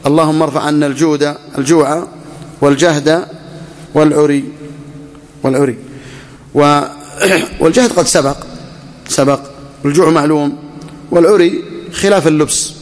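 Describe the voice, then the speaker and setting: A man gives a classical religious lesson in a slightly high voice, pacing each phrase slowly and saying it twice for his students. His voice rings with the long reverb of a large hall. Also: fairly even intonation. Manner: slow, deliberate, repeats each phrase for students; asks students questions. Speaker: Islamic scholar teaching a fiqh text. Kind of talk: classical Arabic lesson commentary.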